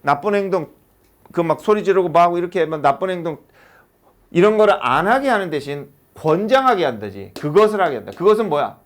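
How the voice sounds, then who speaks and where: A man's voice: sits high, a little fast. A man teaching an English lesson to a class of students in a classroom, asking rhetorical questions one after another. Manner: animated, asks constant rhetorical questions. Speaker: high school English teacher.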